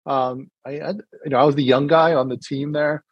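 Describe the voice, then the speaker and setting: A middle-aged interview guest from New Hampshire talks in a casual, hesitant way, with frequent fillers and restarts and an American accent that sounds partly British. His voice is fairly high with a breathy edge and fairly even intonation at a moderate pace. The sound is lo-fi, with no echo.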